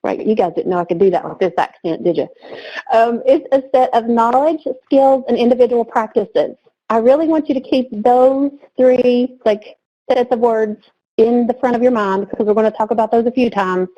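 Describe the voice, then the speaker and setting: A woman presenting a training webinar in an energetic, chatty way, laughing easily. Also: on the high side, normal speed, muffled recording.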